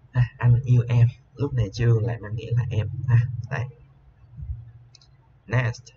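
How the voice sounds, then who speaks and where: A man's voice: medium pitch, dark tone. Patient male teacher. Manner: patient, repeats each word slowly, frequent "ha" tags. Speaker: English teacher. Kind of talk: bilingual English lesson explanation. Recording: slightly dull lo-fi with faint hiss.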